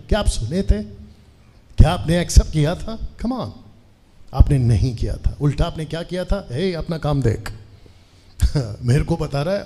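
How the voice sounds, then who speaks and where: A man's voice: on the high side, a little mellow, slightly rough. A man in his forties, a pastor, preaching a sermon to a live congregation, often calling on them to answer aloud together and slipping English phrases into his talk. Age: 40s. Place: church hall with a seated congregation.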